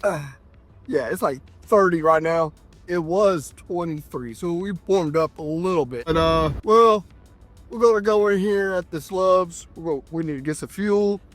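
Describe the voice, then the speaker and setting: Congested, nasal man vlogging, slightly high voice. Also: normal speed, a bit bright, faint music behind. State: sick with a cough and congestion. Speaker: trucker vlogger. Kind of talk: casual vlog chat to viewers.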